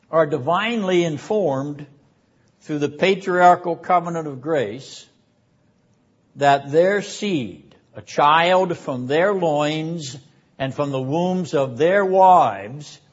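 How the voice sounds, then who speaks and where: A man preaching a Bible lecture in an emphatic, deliberate way with sarcastic asides. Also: on the high side, husky. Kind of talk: sermon-style Bible lecture. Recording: dull lo-fi recording.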